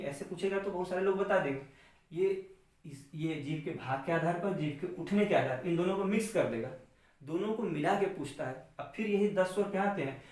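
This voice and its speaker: Hindi teacher in a very echoey room. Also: male voice, high voice, a little mellow. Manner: explains step by step, asks the class questions then answers them himself. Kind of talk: exam-prep classroom lesson. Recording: echoey room, distant mic.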